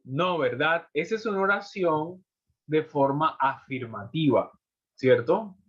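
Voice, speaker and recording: A man's voice: fairly high pitch, takes it slowly, fairly bright tone, slightly rough. A man teaching an English class in Spanish, explaining rules step by step and checking in with his students after each point. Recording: muffled lo-fi audio.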